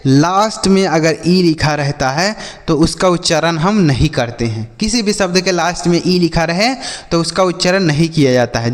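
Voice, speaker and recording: A man's voice: a little high, big-room sound. A man teaching English reading to children, spelling words out letter by letter and asking and answering his own questions. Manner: spells words letter by letter, asks "what will we read?" and answers himself; calls listeners "children". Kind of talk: classroom-style phonics lesson.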